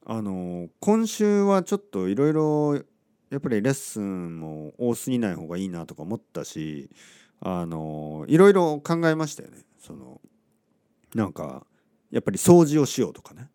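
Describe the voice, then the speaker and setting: Male podcaster, casual anecdote teller, warm dark voice, acts out the people he quotes, leaves almost no room sound. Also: on the low side, a little slow, clear, resonant tone, dry recording, clean studio sound. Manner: animated, acts out quotes, asks listeners rhetorical questions. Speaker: podcast host. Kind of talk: casual storytelling monologue.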